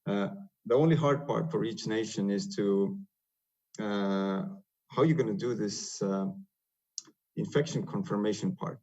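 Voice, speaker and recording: Presenting a webinar over a video call, a software developer speaks English as a second language with an Estonian accent, his voice low, a little mellow, and dull in lo-fi quality. He explains hesitantly, with frequent "uh" pauses and false starts.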